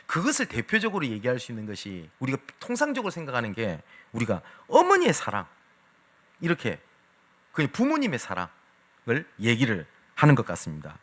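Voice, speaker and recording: A man preaching a Sunday sermon, telling stories with big swings between loud and hushed delivery. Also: mid-range voice, wildly swooping pitch, brisk. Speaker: pastor. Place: church sanctuary.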